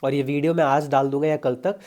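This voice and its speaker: Young male fitness vlogger, warm mellow voice, chatty and salesy. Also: fairly high pitch, steady tone, fast talker. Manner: chatty, pushy, addresses viewers as brother. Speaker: fitness coach. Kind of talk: casual diet advice vlog.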